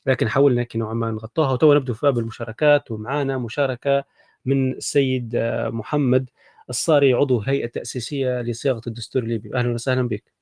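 A man with a Libyan accent, hosting a talk show in a brisk, courteous way. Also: mid-range voice, steady tone, a little mellow, dry recording, studio quality. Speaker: host.

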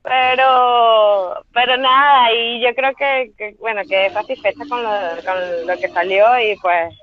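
A voice actress chatting casually in an interview, rambling with many fillers and restarts over a video call. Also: female voice, fairly high pitch, measured pace, no echo. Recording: tinny phone-like line, dry.

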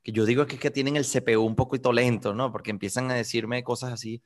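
A man's voice: mid-range voice, steady tone, quick pace. Chatty man explaining, acting out examples. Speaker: violin teacher. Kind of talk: casual chat.

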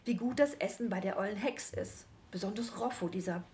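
A woman's voice: medium pitch, fairly quick, a little mellow, a little hiss or hum, natural voice. A woman voicing a grumpy old male gnome who guards a forest and frets over his children, grumbling and cursing under his breath.

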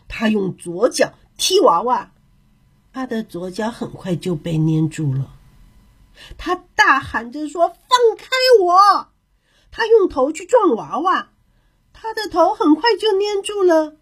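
A woman storyteller reading a children's tale aloud with a high, lively voice that rises and falls a lot. She takes her time over every phrase, with a soft, breathy tone. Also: a little slow. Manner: gentle, expressive read-aloud.

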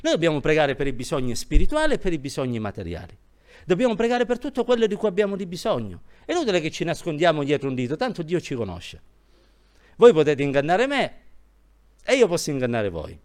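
A middle-aged man preaching a sermon as pastor, animated, asking his congregation rhetorical questions. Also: on the high side, fast talker.

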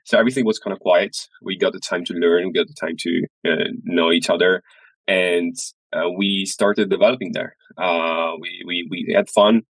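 A man answering interview questions in a very deep voice, often pausing on "uh" and repeating words. The sound is dry and close. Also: fairly even intonation, dry recording, rough recording. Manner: halting, many uh fillers and repeats. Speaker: guest, studio founder.

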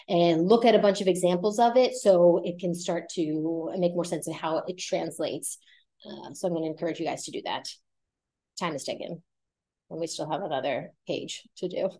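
A woman's voice: fairly low pitch, mellow. Woman teaching Spanish phrases. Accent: Puerto Rican Spanish. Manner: explains phrases, drawing out words for emphasis. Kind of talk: podcast language lesson.

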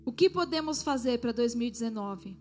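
A woman's voice: a little high, lively intonation, moderate pace, soft background music. A woman pastor preaching a sermon to a congregation, exhorting them and asking for their response.

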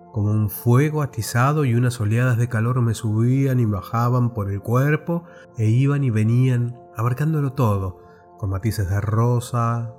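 A man narrating a story aloud in a measured, expressive reading. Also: mid-range voice.

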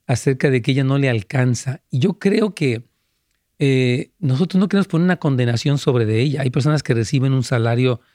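A man who is a pastor talks through viewers' questions in a live show, earnest and emphatic, often breaking into easy laughter. His voice sits at an ordinary middle pitch. The sound is close and dry, with almost no room around it. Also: a little mellow, no echo. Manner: earnest, laughs easily, stresses points emphatically. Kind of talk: live question-and-answer talk.

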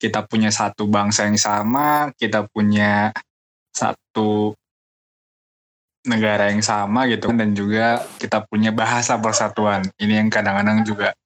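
A man's voice: lowish voice, level tone, normal speed. A young man, co-hosting a podcast and explaining things informally in a rambling way with tag questions. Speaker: podcast co-host. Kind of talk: casual discussion.

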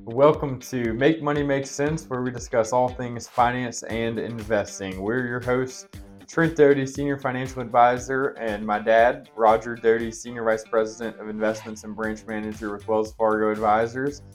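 A man's voice: medium pitch, fairly even intonation, normal speed, soft background music. A man hosting a finance podcast, explaining things in a conversational way as a financial advisor.

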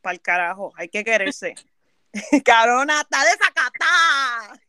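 A young woman with a Puerto Rican accent, chatting casually with friends, loud and laughing, swearing freely. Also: on the high side, very animated, slow, clear, resonant tone, dry recording. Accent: Puerto Rican Spanish. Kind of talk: casual chat among friends.

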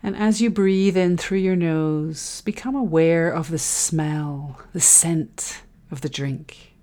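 Low, mellow woman leading a slow guided meditation. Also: fairly even intonation. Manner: soft, soothing, unhurried delivery with breathy phrase endings. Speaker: guided breathing meditation instructor.

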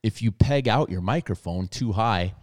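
A man's voice: on the low side, lively intonation, normal speed. A man in his thirties hosting a podcast, chatting casually in a laid-back, rambling way. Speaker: podcast host. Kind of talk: casual chat.

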